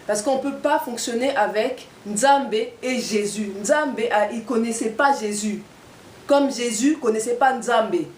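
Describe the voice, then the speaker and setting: A woman's voice: a little high, measured pace, echoey room, far from the mic, a little hiss or hum. A woman giving an impassioned political and spiritual monologue, firing off rhetorical questions and repeating her points for emphasis. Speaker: activist speaker.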